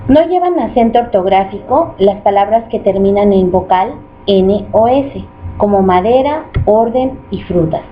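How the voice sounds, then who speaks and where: A woman's voice: medium pitch, animated, measured pace. Woman reading an explanatory lesson, muffled. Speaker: student presenter. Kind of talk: reading a grammar lesson aloud. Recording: muffled lo-fi recording with faint noise.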